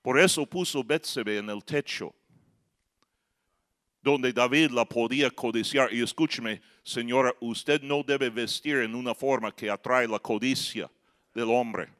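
A middle-aged man preaching a sermon, moving from quiet talk to shouted passages and acting out voices. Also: medium pitch, unhurried. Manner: acts out voices and jokes with the congregation. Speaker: pastor.

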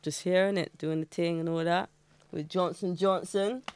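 A man's voice: high-pitched, steady tone, normal speed, darkish tone, slight background noise. A young man, a guest chatting casually in street slang. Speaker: podcast guest.

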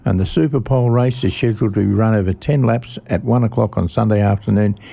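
Aussie radio bloke reading bike race news, really gravelly, mellow tone, stumbles a bit. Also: male voice, on the low side, steady tone, quick pace. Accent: Australian. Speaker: radio host of a motorsport show. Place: radio studio.

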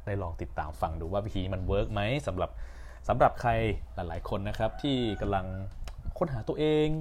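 A man's voice: lowish voice, expressive, brisk, a little mellow, a little hiss or hum. A young man hosting a podcast, telling a personal story in a casual, rambling way with fillers and self-corrections. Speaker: podcast host.

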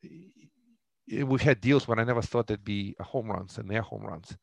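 Man, Russian accent, low voice, gravelly, halting with restarts, dry sound. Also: darkish tone, no room sound. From former Soviet Union. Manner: halting, many restarts and fillers. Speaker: real estate investor guest. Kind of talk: podcast interview.

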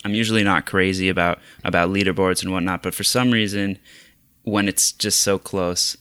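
A man's voice: low voice, steady tone, normal speed, fairly bright tone, clean tone, no room sound, clean studio sound. A man co-hosting a podcast, chatting casually about video games with many hesitant restarts. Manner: hesitant, lots of restarts and fillers. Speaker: podcast co-host. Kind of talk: casual gaming chat.

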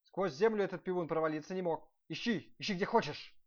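A man voicing a proud, hot-tempered prince of old who shouts commands at his servants. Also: sits high, a little fast, pitched above the performer's own voice, close to an everyday voice. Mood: raging. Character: furious proud old-time male prince, barking orders. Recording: dull lo-fi recording.

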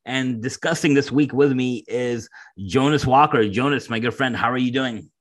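A man hosting a podcast in casual chat, talking haltingly with many fillers and restarts. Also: medium pitch. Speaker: podcast host.

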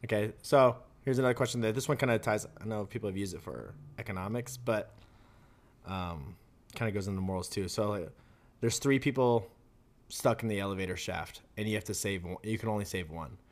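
A man's voice: on the low side, a little fast. A young man chatting at a table at home, thoughtfully posing questions and musing aloud. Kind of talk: casual chat. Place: table in a shared house.

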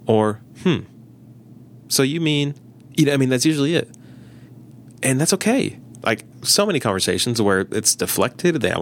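This man, a pastor, speaks in a lowish voice over faint background noise. On a relaxed podcast, he spins lively stories and performs the dialogue of the people he's quoting.

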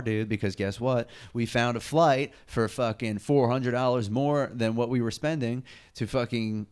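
Profane storytelling man, lowish voice. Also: clean tone. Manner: profane, animated storytelling with lots of "dude" and "bro". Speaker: podcast co-host. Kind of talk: casual storytelling chat.

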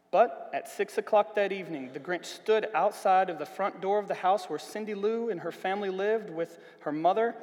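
A man's voice: high-pitched, a little mellow, in a large hall, rough recording. Man reading a storybook aloud. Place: church hall.

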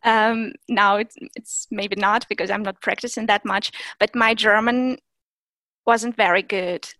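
A native Russian speaker who teaches German and creates Instagram content chats casually in English as an interview guest about teaching German, using many fillers and restarts. Her mid-range voice is steady, a little slow, pushed and bright, with no echo.

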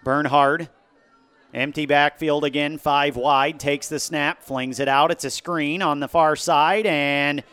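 A man doing live football play-by-play, calling each play briskly as it happens. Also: a little high, steady tone, fairly bright tone, smooth, no echo. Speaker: play-by-play announcer.

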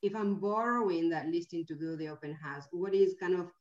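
A woman's voice: on the low side, fairly quick. A woman real estate agent on a video call, asking careful, polite questions. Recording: distant, dull, roomy sound.

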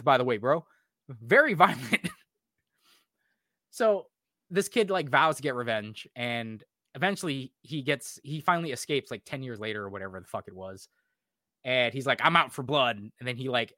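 A man's voice: medium pitch, pushed and bright, no room sound, studio quality. A young man co-hosting a casual podcast, ranting sarcastically and swearing a lot, full of "like" and "um". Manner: frequent fillers like "like" and "um". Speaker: podcast co-host. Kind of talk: casual podcast review chat.

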